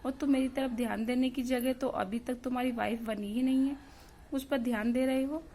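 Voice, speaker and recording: A jealous, scheming elder sister-in-law in a family storybook, read by a woman narrator. She speaks pushily in the narrator's own high voice. A faint hiss runs under it. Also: fairly even intonation, moderate pace, dark tone.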